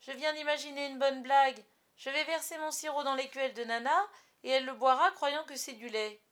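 A woman voicing a loud, sulky father who is childish and defiant, in a storybook reading. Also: sits high, brisk, voice pushed up. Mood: mischievous. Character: blustering self-pitying father, loud and childish.

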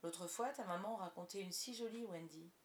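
A woman's voice: fairly low pitch, normal speed, natural voice. A woman voicing a cocky, wheedling boy who never grows up, in a roomy recording. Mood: casual. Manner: boastful, wheedling. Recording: roomy echo.

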